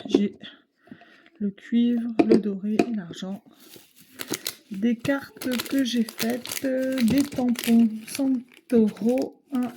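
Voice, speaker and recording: A woman with a Ch'ti accent, touring her craft supplies in a casual way and hesitating with many fillers as she thinks aloud. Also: mid-range voice. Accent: Ch'ti (northern French). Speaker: craft vlogger. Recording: loud crinkling and clicking handling noise. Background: rustling of packaging and boxes.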